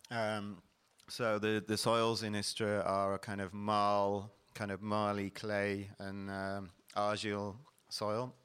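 A middle-aged man hosts a wine panel in an event hall at a wine fair, describing and explaining the wines in a tasting presentation. His voice is lowish, smooth, and a bit bright, delivered slowly in a monotone.

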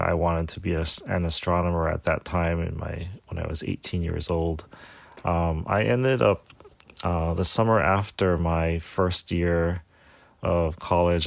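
Man from hawaii, deep gravelly voice, halting casual speech, dry sound. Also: dry recording. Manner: halting, many fillers and restarts. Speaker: guest, tea shop owner. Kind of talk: casual interview talk.

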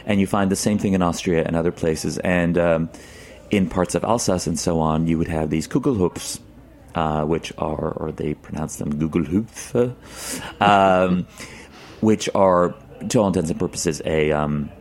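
A man from the Czech Republic, a guest in a radio studio, explaining food traditions in casual talk, pausing often with fillers. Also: low voice, steady tone, darkish tone. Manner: thoughtful, explains with many pauses and fillers.

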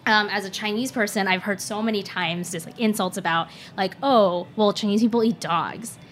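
A young adult woman chef, born in Shanghai and from the United States, is a guest in a casual interview. She speaks earnestly and reflectively at a moderate pace in a mid-range voice, leaning on "like" and "um." A little hiss or hum is audible.

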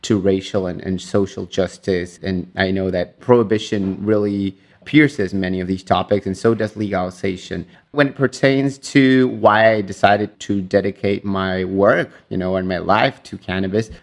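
Argentine man, friendly and low-pitched. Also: steady tone, normal speed. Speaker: guest, media executive. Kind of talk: interview conversation.

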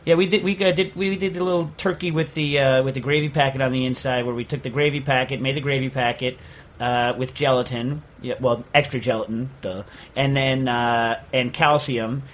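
A man's voice: medium pitch, fairly even intonation, fairly quick. Joking, rambling male radio host. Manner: loose, joking, rambling with many fillers. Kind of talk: casual radio chat. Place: radio studio.

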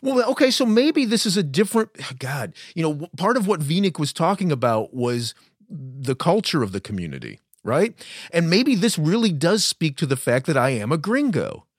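A man's voice: fairly high pitch, very animated, moderate pace, no room sound, clean studio sound. A man hosting a casual conversation, informal and questioning, with a skeptical way of responding.

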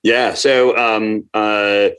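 A man's voice: fairly low pitch, little pitch movement, extremely slow, a bit bright, smooth. A man raised in Minnesota, a business coach, explaining at length in a casual interview with many fillers.

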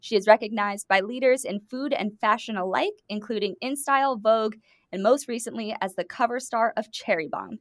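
A woman's voice: on the high side, fairly quick, no room sound, studio quality. Upbeat woman hosting a podcast. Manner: enthusiastic, reads guest bios with emphasis. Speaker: guest podcast host. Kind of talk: scripted introduction then interview.

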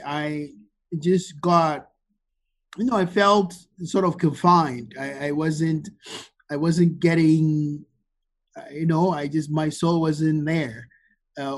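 Man, forties, higher-pitched voice, rambling storyteller, podcast guest. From Ghana. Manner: rambling storyteller, frequent ums and uhs. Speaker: guest, wine expert. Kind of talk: casual podcast interview.

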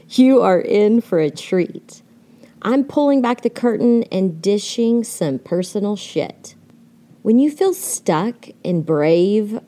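A woman's voice: medium pitch, dark tone. A woman hosting her podcast in a candid, chatty way, swearing casually and laughing often. She speaks from under a blanket on her bed, so her voice sounds muffled. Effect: muffled, recorded from under a blanket. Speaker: podcast host. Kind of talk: casual solo podcast monologue.

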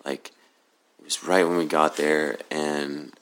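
A man from Oklahoma with a very deep, low magnetic voice, answering interview questions casually in a hesitant, laid-back, halting way. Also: little pitch movement, a bit bright. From Oklahoma City, USA. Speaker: podcast guest, cannabis grower.

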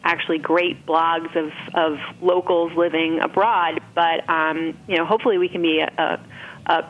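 Deep-voiced and steady at a normal speed, this woman is being interviewed about her work as a food writer and entrepreneur. She explains casually, sprinkling in plenty of "you know"s, on a muffled, narrow-band recording with audible background noise.

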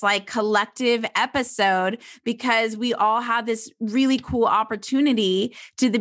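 A woman hosts a podcast and chats casually with guests. Her voice sits a little on the high side, and she sounds bubbly and excitable. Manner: bubbly, excitable, repeats "crazy". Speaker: podcast host.

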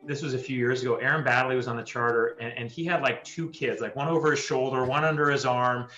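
A man talking as a tournament director in an interview, full of fillers and quick asides. His voice is bright and forceful, and it rings in a roomy, echoing space with faint music underneath. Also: medium pitch, highs cut off. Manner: chatty, animated storytelling with fillers. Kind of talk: interview soundbites.

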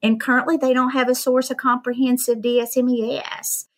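A woman's voice: sits high, little pitch movement, a little fast. A woman in her fifties with an Appalachian Kentucky accent, speaking as an interview guest about her work in a folksy, self-deprecating way. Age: 50s. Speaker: podcast guest, nurse and diabetes educator. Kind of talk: interview talk, telling of own work.

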